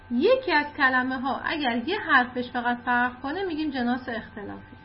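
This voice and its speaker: High-voiced woman explaining a lesson. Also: dull audio, a little hiss or hum. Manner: conversational, explains with examples and asides. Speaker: literature teacher.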